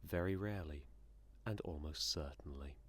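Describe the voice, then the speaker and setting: In an audio drama, a man with a bass voice that's a bit bright plays a menacing, condescending inhuman entity. He speaks sardonically, theatrically and deliberately with dry amusement, and the recording has no echo.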